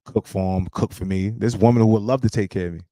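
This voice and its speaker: A man's voice: on the low side, fairly even intonation, fast talker, mellow, no room sound. A man in his late thirties hosting a live stream, giving casual life advice in a blunt, emphatic, preachy way and swearing freely. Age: 30s.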